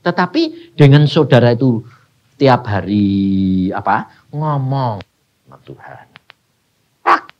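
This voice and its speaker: Animated older preacher. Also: male voice, mid-range voice. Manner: animated storytelling, laughing often. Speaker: evangelist preacher. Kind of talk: sermon.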